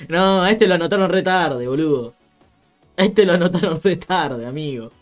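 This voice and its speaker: Young Rioplatense-accented male streamer, loose chatty delivery, slightly high pitch, faint music bed. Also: lively intonation, normal speed. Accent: Rioplatense Spanish. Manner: chatty, laughs often, reads out viewer comments. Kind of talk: casual live-stream football chat.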